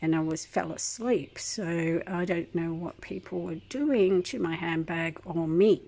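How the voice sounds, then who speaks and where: An older woman talks casually in her kitchen, rambling through an aggrieved personal story with plenty of ums. Her voice sits a bit low, and a faint hum of room noise sits behind her. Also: a little slow, gravelly, warm tone, poor audio. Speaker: vlogger. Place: home kitchen.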